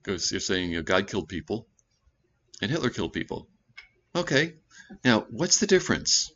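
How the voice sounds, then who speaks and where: Male pastor, lowish voice, animated preaching with loud bursts and conversational asides, dull lo-fi recording. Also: normal speed. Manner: conversational asides and self-corrections. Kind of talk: sermon.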